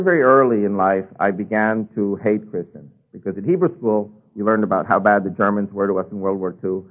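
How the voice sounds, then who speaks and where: An older American man, a native Spanish speaker from the United States with an American accent, preaches a sermon and tells his own story with frequent ums and uhs. His voice is deep and husky, and the audio sounds narrow and tinny.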